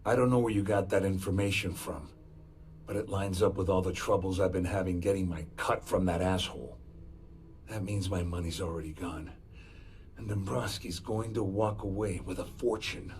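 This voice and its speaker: An actor playing a defiant, self-serving crooked insider in a video game, speaking bluntly and scornfully. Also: male voice, low-pitched, fairly even intonation, normal speed, darkish tone, a little hiss or hum, natural voice. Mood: defiant, bitter.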